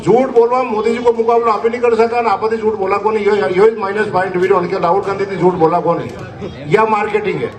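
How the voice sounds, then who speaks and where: High-voiced rambling Rajasthani politician. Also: male voice, far from the mic. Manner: rustic, rambling, repeats himself. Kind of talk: campaign speech to villagers.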